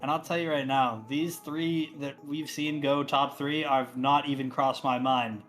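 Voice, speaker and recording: A man's voice: medium pitch, little pitch movement, a little slow, fairly bright tone, soft background music. A man co-hosting an esports draft stream, talking casually and upbeat with lots of fillers. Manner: upbeat, rambling with many fillers. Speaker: draft co-host.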